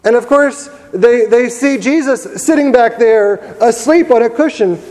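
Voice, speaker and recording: A man preaching a sermon in a church, telling the story in a conversational way with pauses and repeated words. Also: very high voice, darkish tone. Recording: long reverb of a large church hall.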